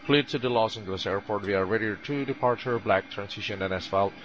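A man calling air traffic control over a cockpit headset, reading back clearances in a brisk routine way. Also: lowish voice, dull audio. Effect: pilot radio over cockpit headset. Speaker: airline pilot. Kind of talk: air traffic radio calls.

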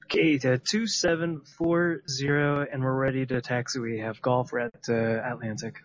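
A man calling air traffic control as a pilot over the radio, in quick, clipped phrases with fillers. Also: mid-range voice, steady tone, a crowd in the background. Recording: dull lo-fi radio audio.

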